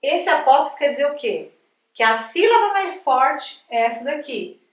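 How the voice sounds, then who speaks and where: A high-voiced Brazilian woman teaches in a chatty, upbeat way, checking in with her viewers all the time. Her voice sits a little off the mic in an echoey room. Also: big pitch swings, moderate pace, far from the mic. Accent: Brazilian Portuguese. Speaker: English teacher. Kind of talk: casual video lesson.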